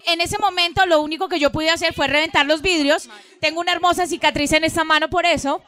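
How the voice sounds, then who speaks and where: A woman with a Colombian accent telling a story on a live comedy podcast, animated and full of swearing, acting out the quotes. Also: very high voice, quick pace. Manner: animated, profane, acts out quotes. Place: live show venue, Bogotá.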